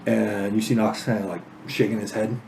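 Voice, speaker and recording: A man narrating a tabletop game as game master, slow and halting, with many fillers. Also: fairly low pitch, little pitch movement, creaky, a little mellow. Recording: echoey room with background noise.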